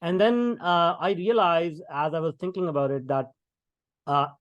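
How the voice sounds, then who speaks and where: In a podcast interview, a middle-aged man from India who founded a tech company chats with many fillers and false starts in Indian-accented English. He sounds on the high side at a normal pace, and the recording is dry and lo-fi.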